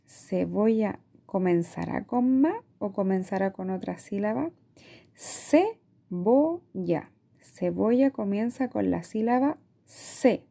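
Slow, patient Chilean-accented woman teacher. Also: mid-range voice, vocal fry, mellow. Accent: Chilean Spanish. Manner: slow, patient, stretches out words; asks "¿ya?" often. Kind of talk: recorded lesson for parents.

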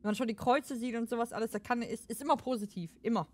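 A woman giving casual let's play commentary, excitable and laughing often, shouting commands at the game. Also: fairly high pitch, quick pace, a little hiss or hum.

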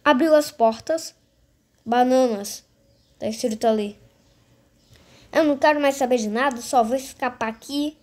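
High-voiced female game streamer. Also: measured pace, long pauses, a little mellow. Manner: repetitive, addresses viewers directly. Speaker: gaming video host. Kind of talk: casual game commentary.

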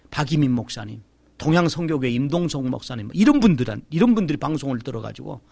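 A middle-aged man, a pastor, telling a testimony sermon in an animated storytelling way, acting out the voices of the people in his story. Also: fairly high pitch, gravelly, no room sound.

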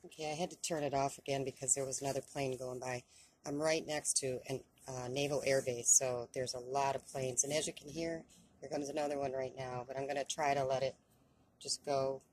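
A woman's voice: extremely low pitch, little pitch movement, fairly quick, a little mellow, a little hiss or hum. A woman chatting casually in a how-to vlog from inside her van, with frequent ums and a self-deprecating manner. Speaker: van-life vlogger. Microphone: camera on a tripod.

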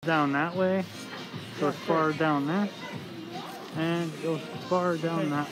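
A young vlogger with a slightly high, steady voice speaks slowly while filming himself on a handheld phone at arm's length, wandering an indoor flea market. His casual walking-vlog commentary rambles offhandedly, in a low-quality recording with loud background music.

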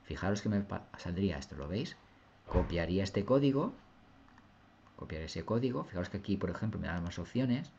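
A man, a teacher walking through a software tutorial step by step and often checking that viewers follow. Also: low voice, very animated, fairly quick, gravelly, dull audio, a little hiss or hum. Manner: patient, step-by-step, often asks "¿lo veis?". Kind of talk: screen-recorded software tutorial.

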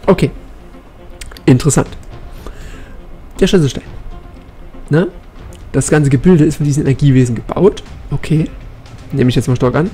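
A man giving casual let's play commentary, thinking aloud quickly as he plays. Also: a little high, warm tone, soft background music.

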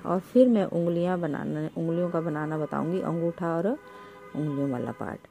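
A woman's voice: low voice, normal speed, gravelly, warm tone, soft background music. A woman hosting a knitting tutorial, explaining each step patiently, counting stitches aloud, and addressing viewers as friend. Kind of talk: step-by-step craft instruction.

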